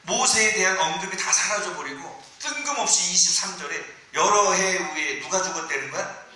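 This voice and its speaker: A male pastor giving a sermon, telling stories with animated energy and rising to shouted calls for the congregation to respond. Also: high-pitched, moderate pace. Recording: very echoey church hall, distant mic. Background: congregation answering.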